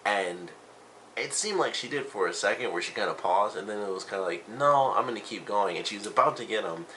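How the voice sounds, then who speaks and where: A man's voice: lowish voice, lively intonation, quick pace, sharp tone, slight background noise, rough recording. A man giving a casual spoken review of a TV episode, rambling and filling his talk with "you know" and "like".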